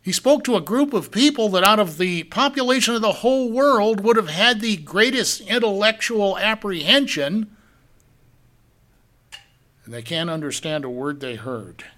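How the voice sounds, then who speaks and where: A man's voice: sits high, lively intonation, moderate pace, sharp tone. A man preaching a verse-by-verse sermon, asking the congregation rhetorical questions and drawing out key words for emphasis.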